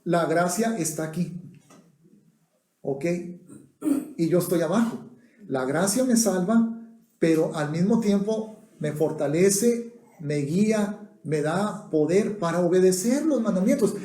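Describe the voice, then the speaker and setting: A man's voice: high-pitched, expressive, unhurried, mellow. A man preaching a sermon, chatting with the congregation and asking them questions. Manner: conversational, asks the audience questions. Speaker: pastor. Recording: roomy echo of a hall.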